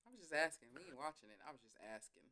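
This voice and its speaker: A woman's voice: sits low, lively intonation, racing, pushed and bright. A young woman co-hosting a podcast, chatting casually in a laid-back, slangy, bantering way. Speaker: podcast co-host. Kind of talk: casual chat.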